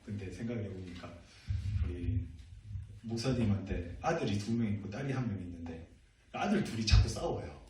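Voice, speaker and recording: A man's voice: on the low side, expressive, normal speed, a little mellow, slight background noise. A middle-aged man preaching to teenagers as senior pastor, playful and full of questions and laughs. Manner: playful, asks the youth questions, laughs often. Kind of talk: youth sermon. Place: church hall. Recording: echoey room, from a distant mic.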